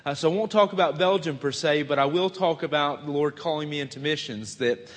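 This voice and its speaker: A twenties-aged missionary preacher from Virginia, with a Southern US accent, introduces himself before his sermon in a church sanctuary, folksy and full of "uh" fillers and self-deprecating asides. His voice is a little high and a little fast, with long hall reverb.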